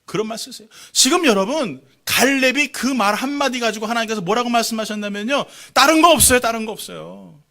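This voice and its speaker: A male pastor preaching a lively, joking sermon in church, often calling out questions to the congregation. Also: extremely high pitch, fairly quick, few pauses. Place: church sanctuary.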